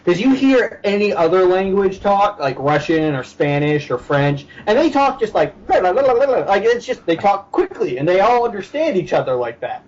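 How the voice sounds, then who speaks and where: A man's voice: high voice, normal speed, few pauses. A young man chatting casually on a podcast, telling stories with lots of laughter. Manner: animated storyteller, laughs often. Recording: slightly muffled, faint background hiss.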